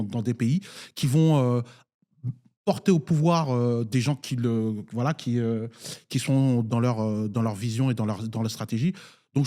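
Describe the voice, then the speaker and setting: A man from Nigeria taking part in a political debate as a municipal councillor. He speaks haltingly, with frequent fillers and restarts, in a mellow, dark voice at a middling pitch. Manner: hesitant, many fillers and restarts.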